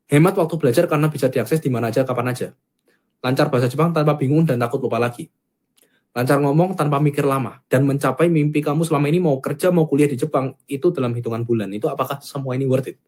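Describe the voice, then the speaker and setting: Casting: male course founder, rapid chatty pitch, mid-range voice. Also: a little mellow. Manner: chatty, fillers like gitu ya. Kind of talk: casual sales pitch.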